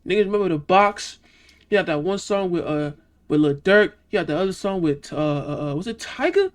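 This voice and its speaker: Speaking briskly in a high, animated voice, a young Southern-accented man from Georgia loosely riffs on a video he's watching. His reaction commentary is casual and profane, and he keeps cracking up laughing.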